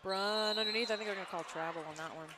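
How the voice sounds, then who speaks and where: A woman doing play-by-play for a school basketball game, chatty and quick with her calls, with frequent agreeing hums. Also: mid-range voice, very noisy. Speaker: play-by-play announcer. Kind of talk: live basketball commentary.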